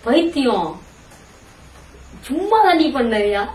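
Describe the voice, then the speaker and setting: A woman's voice: high-pitched, big pitch swings, takes it slowly, a little mellow, echoey room, far from the mic, poor audio. A young woman in a casual prank vlog, talking bluntly and scolding, then teasing. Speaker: prankster vlogger.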